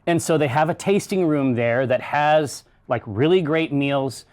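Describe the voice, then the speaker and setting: A man's voice: on the high side, measured pace, a little mellow. Talkative man hosting a beer chat. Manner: talkative, explains at length, swears casually. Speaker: show host. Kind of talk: casual chat.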